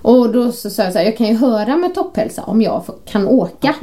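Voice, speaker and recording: A woman co-hosting a podcast, chatting casually and acting out quoted messages and calls as she tells a story. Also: fairly high pitch. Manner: animated storyteller, acts out quoted texts and calls. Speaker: podcast co-host. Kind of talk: casual chat.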